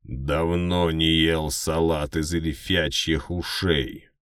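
A man acts out a menacing orc warrior from a fantasy audiobook, very deep and growling. He bellows his threats slowly and savagely, in a dry recording. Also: steady tone, fairly bright tone, dry recording, heavily acted. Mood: furious, threatening. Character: roaring bloodthirsty orc warrior, hulking and menacing.

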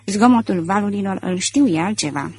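A woman's voice: mid-range voice, lively intonation, breathy edge. A woman voicing an anxious young wife in an audiobook. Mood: alarmed. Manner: anxious and insistent. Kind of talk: audiobook character reading.

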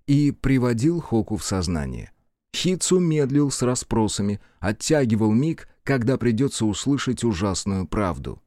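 A man narrating a dark fantasy audiobook in an expressive, dramatic reading into a studio microphone. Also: mid-range voice, moderate pace, dry recording. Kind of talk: scripted fiction narration.

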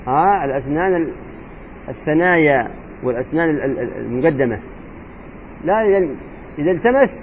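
A man teaching jurisprudence as a sheikh, explaining a text and slowly repeating and demonstrating letter sounds aloud. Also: on the high side. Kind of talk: religious lesson explaining a legal text. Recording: tinny phone-like lo-fi sound with faint noise.

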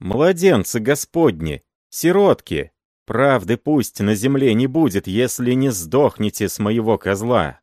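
A vengeful old woman hurls fierce, shrill curses, as a male reader puts her on. The voice sits well above a man's usual register and rings out loud. The recording is dry and close. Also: sing-song, measured pace, dry recording. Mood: cursing.

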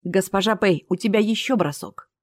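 In an audiobook character reading, a woman voices a gentle, devoted young man. Her mid-range voice moves at a normal speed and sounds close to everyday speech, captured in clean studio sound with no room sound.

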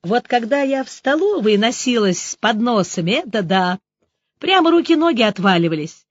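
A woman narrating a novel as an audiobook, voicing the dialogue with brisk, lively delivery. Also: a little high, no echo, dull audio. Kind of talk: audiobook reading with character voices.

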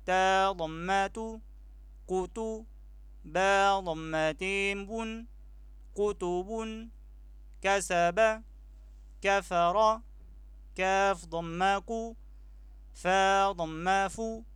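Man, reading teacher, very slow syllable-by-syllable spelling, dry close recording. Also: high voice, fairly even intonation, fairly bright tone, clear, resonant tone, dry recording. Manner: spells each syllable with its vowel mark, then blends the word. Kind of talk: slow letter-by-letter spelling drill.

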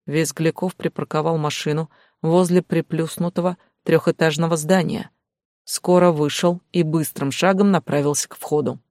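Brief: male audiobook narrator, even storytelling, slightly high voice, dry studio sound. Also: moderate pace, dry recording.

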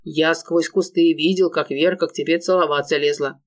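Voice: medium pitch, steady tone, normal speed, lightly acted. A reader voicing a crude jealous gangster boss. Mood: grudging. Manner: gruff slangy threats. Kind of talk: audiobook reading.

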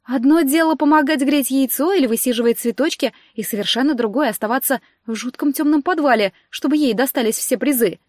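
A woman reading an audiobook voices a haughty, spiteful young witch who bosses her rivals, speaking in a sharp, scornful and cutting way. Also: sits high, brisk, few pauses, no echo, studio quality, pitched above the performer's own voice.

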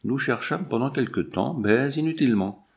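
A man narrating a literary novel as an audiobook, in an even, measured reading. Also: mid-range voice, gravelly.

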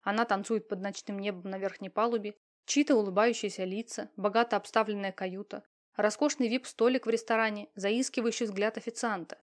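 A woman narrating a romance novel aloud in an expressive, dramatic storytelling manner. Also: mid-range voice, fairly quick. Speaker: audiobook narrator. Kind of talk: scripted narration.

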